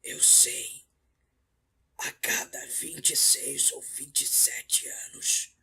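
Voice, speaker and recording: A frail, dying old man rasps out his warnings in a breathy whisper. The voice is slow and gravelly, with a bright, thin edge to it. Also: medium pitch, steady tone, full character voice. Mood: ominous. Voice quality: raspy whisper. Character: dying old man, hoarse from throat cancer, ominous. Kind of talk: audiobook character voice.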